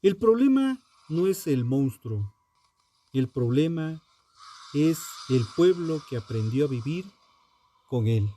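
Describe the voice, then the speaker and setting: A man reads a scripted true crime narration in a mellow, relaxed tone, slow and solemn, using short dramatic phrases and pausing for emphasis. His pitch is a little high for a man and moves expressively.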